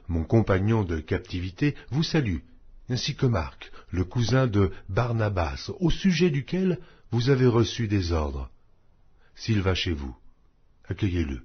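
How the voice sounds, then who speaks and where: Fairly low in pitch and husky, a man's voice delivers a scripted scripture reading with solemn, declamatory weight. The phrasing is measured, the intonation moves widely up and down, and the sound quality is somewhat dull and lo-fi.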